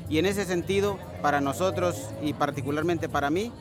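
A Honduran man gives a deliberate, speech-like interview outdoors. His voice is slightly high, and music plays clearly behind him. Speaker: environmental activist. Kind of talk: field interview answer. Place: outdoors at a gathering. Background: music playing nearby.

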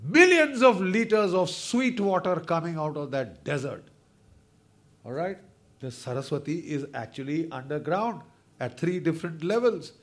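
A man's voice: fairly high pitch, animated, moderate pace, fairly bright tone. Oudere Noord-Indiase man met hoge, felle stem. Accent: north Indian. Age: older, over 60. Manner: combative, emphatic, rhetorical questions to the audience. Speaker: lecturer. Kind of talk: impassioned public lecture, switching between English and Hindi.

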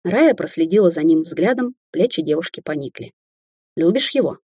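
A woman reading an audiobook as narrator, in a calm, even reading. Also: low voice, brisk, husky, no echo, studio quality. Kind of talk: scripted narration.

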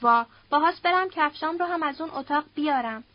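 A woman's voice: sits high, dry recording, lightly acted. A woman reading a frightened, pleading young woman. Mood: fretful. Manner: pleading, colloquial speech. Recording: dull lo-fi recording.

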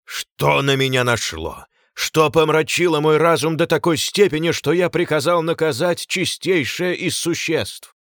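A man's voice: lowish voice, animated, measured pace, pushed and bright, dry recording, clean studio sound. A man reading an audiobook and voicing a feverish, self-pitying, tyrannical fat lord who raves between grief and fury. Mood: ranting grief. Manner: raving, swinging from pleading to screaming.

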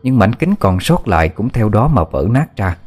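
Deep-voiced man narrating a horror story. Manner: expressive, measured storytelling. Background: faint music.

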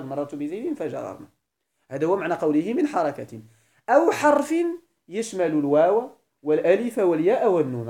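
A man with a Moroccan Arabic accent lectures a grammar class as a sheikh, his voice high-set with a dark tone. He puts questions to his students and slowly repeats every definition.

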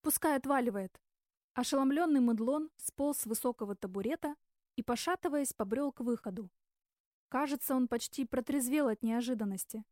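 A woman reading a novel aloud in steady, even narration. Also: a little high, fairly quick, no room sound, clean studio sound. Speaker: audiobook narrator. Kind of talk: scripted narration.

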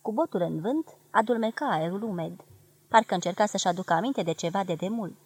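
A woman from Romania giving a measured, expressive literary reading of a memoir. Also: mid-range voice, husky, no echo. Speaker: reader of a memoir.

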